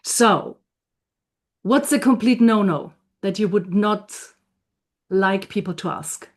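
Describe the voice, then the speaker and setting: A woman's voice: mid-range voice, takes it slowly. A woman with an Austrian German accent co-hosting a casual talk, curious and engaged. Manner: warm, inquisitive interviewer, laughs easily. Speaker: co-host. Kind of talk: casual conversation.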